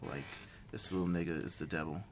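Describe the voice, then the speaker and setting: A man's voice: deep voice, steady tone, fast talker. A man hosting a casual music podcast, bantering in slangy, profane, exclamatory talk. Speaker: podcast host. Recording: faint background noise.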